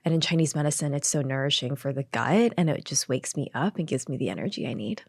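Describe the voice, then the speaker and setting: Low-voiced calm woman, dry close sound. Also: quick pace, gravelly, no echo. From Hong Kong. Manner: calm, earnest, many soft fillers. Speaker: guest, Chinese medicine practitioner. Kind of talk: conversational interview.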